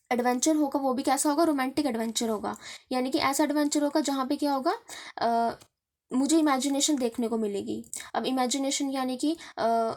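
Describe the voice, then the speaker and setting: A woman teaching a story line by line, reading the English slowly and explaining it in Hindi, often asking and answering her own questions. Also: sits high, darkish tone. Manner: reads English text slowly, then explains in Hindi with many fillers.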